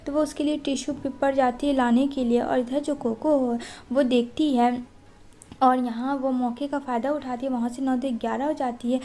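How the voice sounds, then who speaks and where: A woman narrating a drama recap in a lively, conversational way. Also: high-pitched, normal speed.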